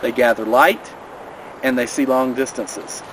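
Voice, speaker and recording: A man's voice: medium pitch, fairly even intonation, a little slow. A man in his thirties giving a casual, practical rundown of hiking gear outdoors by a river, filmed on a camera a few steps away. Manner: friendly, practical, recommending. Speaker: vlogger. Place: outdoors by a river in a mountain valley. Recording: outdoor camera audio with clear background noise.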